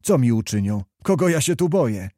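Male reader doing a hot-tempered young nobleman, cocky and defiant, mellow, dry. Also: mid-range voice, very animated, fairly quick, dry recording, natural voice. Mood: swaggering. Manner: swaggering, defiant. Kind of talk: audiobook character reading.

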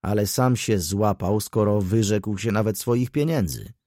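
A man's voice: on the low side, measured pace, warm tone, no echo, studio quality. A man voicing an indignant older male councillor who fires off heated rhetorical questions, in an audiobook reading.

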